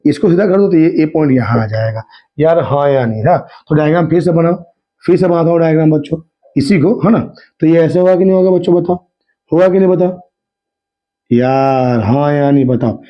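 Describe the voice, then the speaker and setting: A man teaching a school math lesson, his throat slightly hoarse, who keeps coaxing the class and asking whether they understood. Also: fairly high pitch, brisk. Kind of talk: Hindi math lesson at a whiteboard. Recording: dull lo-fi recording.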